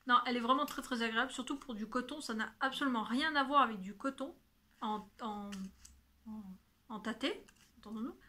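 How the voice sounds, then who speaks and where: Chatting casually to camera on her knitting video podcast, a woman shows off her knitting and yarn and frequently corrects herself. She speaks in a slightly high, bright voice with a forceful tone.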